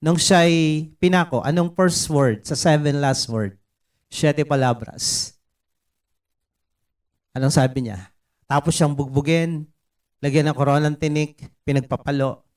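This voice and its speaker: A man preaching a sermon in an animated way, mixing in English words and putting questions to the congregation. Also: a little high, a little slow, pauses often. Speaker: pastor. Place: church service.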